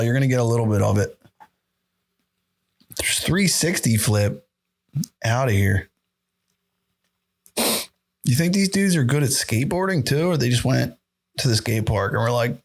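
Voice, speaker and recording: A young man hosting a podcast, reacting to videos in a loose, excitable, profanity-heavy way and laughing often into his podcast mic. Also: medium pitch, vocal fry. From United States. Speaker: podcast host. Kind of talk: casual reaction commentary.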